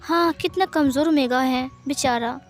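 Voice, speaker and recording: A woman's voice: high-pitched, moderate pace, soft background music, close to an everyday voice. A woman voicing a panicky young male assistant who stammers when alarmed. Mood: fretful.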